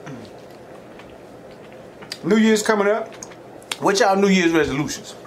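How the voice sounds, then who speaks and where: A man's voice: high voice, lively intonation, measured pace, slight background noise. A middle-aged man with a Southern US accent chatting casually between mouthfuls as a mukbang host, in a folksy, rambling storytelling way. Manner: talks between mouthfuls of food. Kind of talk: casual chat while eating.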